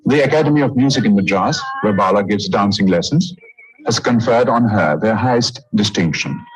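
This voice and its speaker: A man reading scripted documentary narration in a measured, even tone. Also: on the low side, over music, rough recording.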